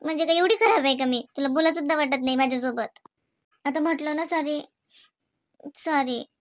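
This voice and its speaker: Lady doing a sulky young cartoon wife, high voice, keeps saying sorry. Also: normal speed, lightly acted. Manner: pleading, sulky, repeats sorry. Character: apologetic young wife Rashmi, sulky and pleading. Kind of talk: cartoon voice acting.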